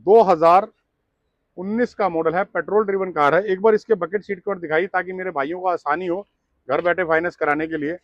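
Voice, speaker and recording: A man giving a slick used car salesman's live pitch, reeling off models, prices and deals. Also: steady tone, brisk, dry recording, lo-fi sound.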